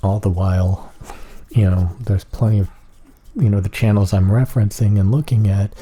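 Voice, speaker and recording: A man rambling in a flat, emotionless monotone for an ASMR video, with a husky voice. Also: lowish voice, moderate pace, a little hiss or hum.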